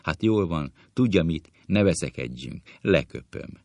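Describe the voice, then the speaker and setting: A man voicing a petty, quarrelsome gentleman in a comic sketch, shouting insults in sudden shrill leaps. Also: expressive, no echo. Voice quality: shrill jumps into high shouts. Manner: insulting, quick to kick. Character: squabbling man bent on a duel, shrill.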